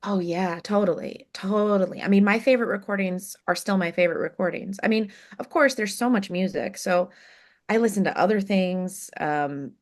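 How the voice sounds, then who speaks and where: This thirty-something woman from Oklahoma, USA, a jazz singer, chats through a podcast interview with warm anecdotes, frequent fillers and ready laughs. Her voice is medium-pitched and her speed normal.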